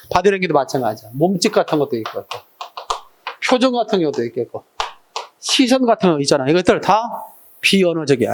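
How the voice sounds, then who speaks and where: A male exam-prep teacher lecturing a live class, quizzing students with short questions, his throat irritated and often cleared. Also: high voice, slight background noise.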